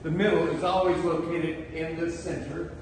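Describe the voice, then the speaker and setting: A man working as a children's party magician delivers playful live patter, feigning surprise and coaxing the audience to join in. His voice is a little high, level in tone, at a normal speed. He's recorded on a distant mic in a large, echoey, noisy indoor hall.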